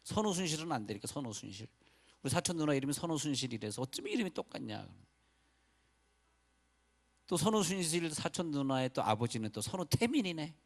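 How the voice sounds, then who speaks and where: A man's voice: a little high, sing-song, fairly quick. A male pastor from North Korea preaching a sermon in a loose, chatty way, with rambling asides and apologies to the congregation.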